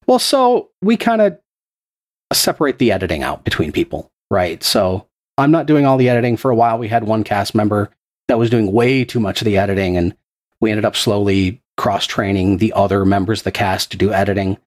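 A Texan man who produces a podcast and runs its game answers interview questions into a podcast mic. His lowish voice is expressive and fairly quick, and he explains things earnestly with a few restarts.

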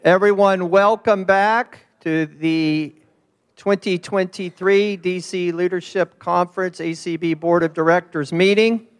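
A man's voice: high-pitched, steady tone, measured pace, smooth. A man chairing a meeting informally, his voice slightly muffled by a mask over his mouth, talking into a close handheld microphone. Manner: speaking through a mask, mouth covered. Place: conference meeting room with sound system. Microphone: handheld microphone held close to mouth.

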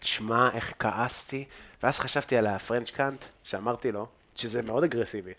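A man's voice: mid-range voice, bright, forceful tone. A stand-up comedian guest telling stories in a casual chat, laughing often, swearing freely and acting out his anecdotes. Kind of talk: casual chat, animated storytelling. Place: home loft, indoors.

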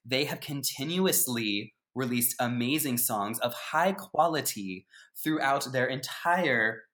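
A man's voice: mid-range voice, expressive, slow pace, a bit bright. A man co-hosting a podcast in casual chat, giving his opinions with emphatic swings. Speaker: podcast co-host.

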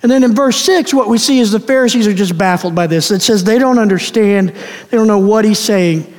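A man preaching a sermon as pastor, emphatic, slowing down to stress key words. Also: sits high. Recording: long reverb of a large hall.

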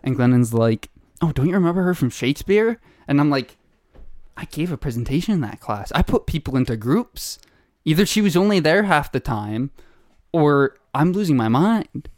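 A young man co-hosting a podcast, telling a story in a casual, animated way with laughs and acted-out quotes. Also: on the high side, normal speed, no room sound, studio quality. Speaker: podcast co-host.

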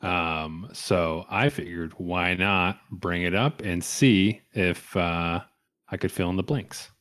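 A man's voice: low voice, slow, fairly bright tone. A man co-hosting a podcast in casual chat, reading out his research notes with wry, offhand asides. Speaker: podcast co-host.

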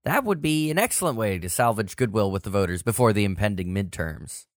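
A man's voice: fairly low pitch, expressive, a little fast, dry recording, clean studio sound, close to an everyday voice. A man playing a worried, deferential Secret Service agent in a satirical sketch, pleading formally and politely. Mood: worried, frank. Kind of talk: scripted satirical sketch acting.

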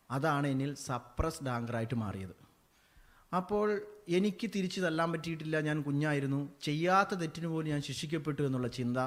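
High-voiced Malayali priest preaching. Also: male voice. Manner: swings between loud preaching and quiet storytelling. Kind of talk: sermon.

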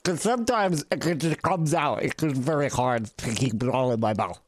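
A man's voice: fairly high pitch, moderate pace, natural voice. A man doing a flustered water-mouthed fellow. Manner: flustered, rambling, apologetic. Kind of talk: comedic improv character.

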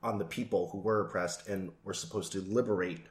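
A man's voice: low-pitched, steady tone, a little fast. A man in casual discussion who thinks aloud, asking probing questions with restarts. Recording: echoey room.

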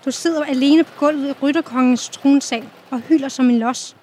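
An actress playing a brisk, commanding woman who once worked undercover, in an audio drama. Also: high voice, fairly even intonation, a little mellow, slight background noise, natural voice. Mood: impatient. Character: tough former undercover woman guide, impatient.

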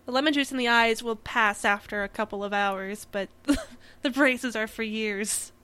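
A woman's voice: a little high, moderate pace, sharp tone, clean tone. A young adult woman co-hosting a podcast, chatting casually and laughing often between sentences. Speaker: podcast co-host. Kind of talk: casual chat.

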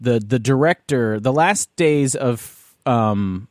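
A man's voice: mid-range voice, lively intonation, slow, no room sound, studio quality. A man, hosting a casual movie chat and rambling through his points with lots of fillers. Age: 30s. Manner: rambling, loose, many fillers. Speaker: podcast host.

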